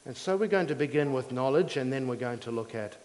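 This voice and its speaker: A man preaching a teaching sermon in a measured, didactic way, explaining things simply in short phrases. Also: medium pitch, expressive, a little mellow, a little hiss or hum. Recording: long hall reverb.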